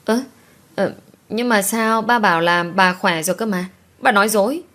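A woman's voice: mid-range voice, moderate pace, fairly bright tone, close to an everyday voice. A woman voicing a clingy, tearful eight-year-old girl in an audiobook, pleading in a raised child voice. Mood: wailing.

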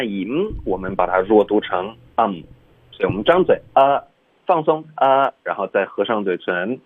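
A man teaching English pronunciation in a bilingual radio lesson, explaining slowly and switching between English and Chinese, sometimes stammering. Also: fairly low pitch, no room sound. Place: radio studio. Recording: dry phone-like radio sound.

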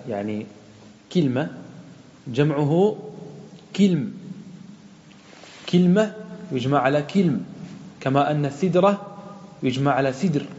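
Sheikh teaching grammar in an echoing hall. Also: male voice, fairly high pitch, darkish tone. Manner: explains slowly, repeats word forms, asks and answers own questions. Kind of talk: classical Arabic grammar lesson. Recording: muffled lo-fi audio with long reverb in a hall, faint hum.

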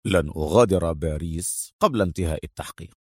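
Guy voicing a low, firm spy hero, cool and controlled, dry audiobook sound. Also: fast, darkish tone, slightly rough, dry recording. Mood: calm. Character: cool, stern male secret agent hero. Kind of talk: audiobook character voice.

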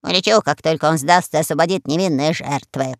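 A reader voicing a bossy old male parrot in an audiobook, with gruff, lecturing talk. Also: mid-range voice, quick pace, no room sound, clean studio sound, close to an everyday voice. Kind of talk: audiobook character voice.

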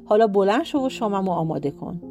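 Curt young prince, voiced by a woman, commanding, mellow, storybook reading. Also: mid-range voice, animated, soft background music, natural voice.

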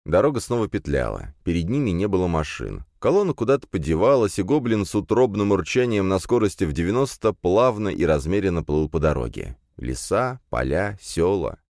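A man reading an audiobook with steady storytelling narration. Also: low-pitched, a little fast, few pauses, no room sound, clean studio sound.

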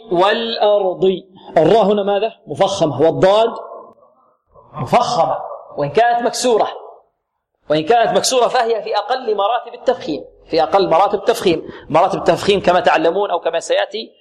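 A man teaching Quran recitation rules. He asks questions and answers them himself, and he recites words slowly to demonstrate them. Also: high-pitched. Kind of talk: tajweed lesson with demonstrations.

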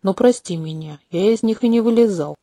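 A woman plays an inhuman prince who charms and needles by turns, calm and frank with a faint mocking edge. The voice is mellow and warm at a middling pitch. It sits close and dry, as in a home-made audiobook. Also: brisk, no echo, lightly acted. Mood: calm, candid. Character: charming, manipulative male non-human empath prince. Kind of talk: audiobook character reading. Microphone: close home mic.

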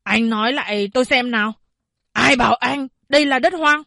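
Woman doing a haughty male official, barking, scolding, contemptuous, breathy, high. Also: animated, moderate pace, fairly bright tone, no echo, studio quality, heavily acted. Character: arrogant, bullying male government official.

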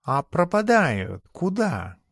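A man voicing a huge, grumpy male shapeshifting cat guardian who speaks slowly and gruffly. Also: a little high, big pitch swings, fairly bright tone, no room sound, clean studio sound, voice pushed up, exaggerated voice.

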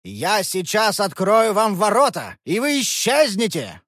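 A woman voicing a gruff, angry old man of grandfather's age who growls and scolds in an audiobook. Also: mid-range voice, wildly swooping pitch, a little slow, dry recording, studio quality. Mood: angry scolding. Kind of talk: audiobook character voice.

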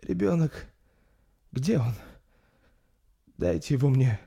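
A man voicing a young princess in labour, with a frantic, strained, high voice. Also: animated, takes it slowly, creaky, dark tone, full character voice. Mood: hoarse, weak. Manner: frantic high-pitched screaming.

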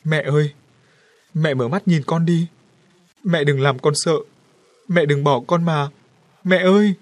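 A husky-voiced man voicing a twelve-year-old boy crying desperately for his mother in a horror audiobook. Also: fairly high pitch, measured pace, no echo, pitched above the performer's own voice, natural voice. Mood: wailing. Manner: desperate wailing cries.

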